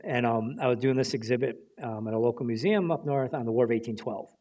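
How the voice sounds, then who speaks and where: A man's voice: medium pitch, fast talker, warm tone. A man telling a story on stage at a library panel, acting out the quotes as he goes.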